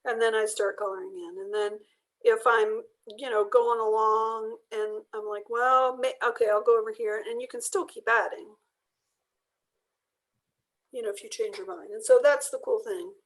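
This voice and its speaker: A woman leading an online drawing class, explaining each step in a relaxed, chatty way while losing her voice. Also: a little high, normal speed. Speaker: art workshop instructor. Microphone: video call.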